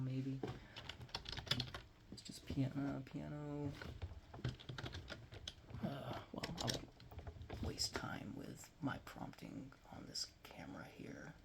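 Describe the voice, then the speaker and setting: This forties-aged Texan vlogger speaks with a mid-range voice, utterly flat, a bit slow, full of vocal fry and frequent pauses. He chats casually to a phone or webcam near his face in a small room at home, rambling, mocking himself, and at times nearly whispering. The audio is very noisy.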